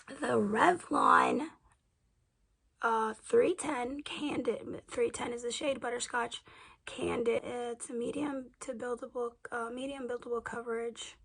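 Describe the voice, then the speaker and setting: Raspy, creaky-voiced woman chatting casually. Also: fairly high pitch, fairly bright tone. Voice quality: raspy, husky voice with creaky smoker's rasp. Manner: informal, slangy, rambling asides to viewers. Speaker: beauty vlogger. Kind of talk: casual chatty makeup tutorial. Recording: clear background noise.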